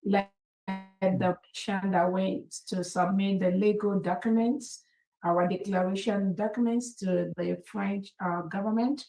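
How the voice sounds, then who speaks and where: Woman with a gravelly voice in an echoey room. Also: medium pitch, fairly even intonation, a little slow, warm tone. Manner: earnest, repetitive, thanks members by title. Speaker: movement official addressing an online meeting. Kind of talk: formal address on a call.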